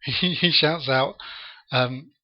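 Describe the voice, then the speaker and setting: A man co-hosting a podcast, chatting playfully about an old film and joking with his partner. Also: medium pitch. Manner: playful, jokey, quick to agree. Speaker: podcast co-host. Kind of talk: casual film discussion. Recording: dull lo-fi podcast audio.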